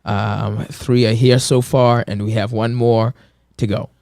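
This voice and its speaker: In a casual interview, a Kenyan man in his twenties who works as a personal trainer answers earnestly, full of filler words. His mid-range voice is flat, measured, gravelly and a little mellow, captured in clean studio sound without room sound.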